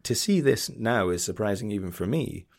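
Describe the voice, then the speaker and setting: A man in his thirties talks casually as a podcast guest, in a lowish, gravelly voice with a husky edge. He speaks earnestly and often restarts his sentences, repeating words along the way. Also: animated, normal speed. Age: 30s. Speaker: podcast guest, ASMR YouTuber. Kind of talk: casual interview chat.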